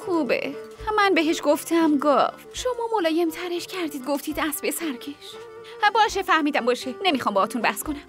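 A woman dubbing a young daughter-in-law who grumbles and mocks with a sharp tongue. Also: sits high, animated, soft background music. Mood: grumbling. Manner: mocking, complaining. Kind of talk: Persian dub of a TV drama.

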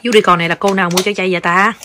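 A mother with a Southern Vietnamese accent talking to her toddler at home, coaxing and gently scolding in a casual chatty way. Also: on the low side, steady tone, racing, noisy background. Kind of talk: casual home video chat.

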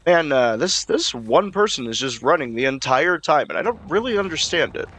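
A man's voice: fairly high pitch, very animated, normal speed, fairly bright tone. A young man casually commenting on his own gameplay, swearing and talking to himself as he plays. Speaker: gaming YouTuber.

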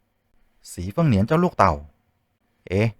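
A man's voice: lowish voice, big pitch swings, unhurried, dry recording, clean studio sound. A man voicing a cheeky, teasing old male scholar.

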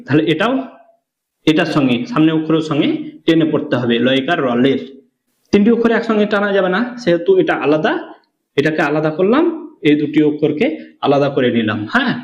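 A man teaching a beginner reading lesson, slow and patient, asking questions and answering them himself. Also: on the high side. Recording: echoey room, dull lo-fi sound.

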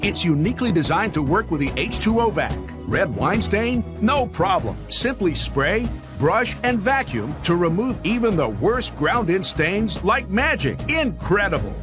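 A man giving an emphatic, urgent sales pitch as a home shopping host and infomercial announcer. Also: big pitch swings, unhurried. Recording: music bed under voice. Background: music.

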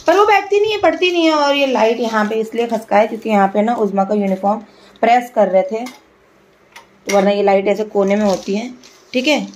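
A woman's voice: on the high side, a little hiss or hum, rough recording. A young woman chatting to her viewers at home while looking after her small children. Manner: chatty, addresses viewers directly, coos at her baby. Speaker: vlogger and mother. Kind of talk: casual home vlog chat.

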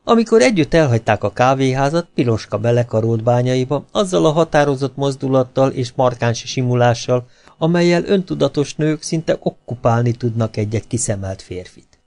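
A man narrating an audiobook with a measured, expressive reading. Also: medium pitch.

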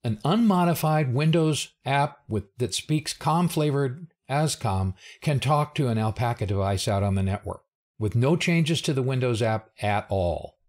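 An older man, 60s or above, narrates a slide presentation for a technical briefing, explaining things plainly with informal asides. His mid-range voice is unhurried, a little mellow, with lively intonation.

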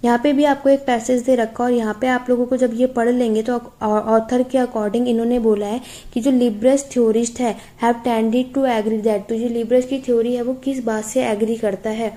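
Her voice fairly high, soft, mellow and steady, a young exam-prep teacher slowly reads English passages aloud before explaining each patiently. Again and again she checks on her students with "theek hai".

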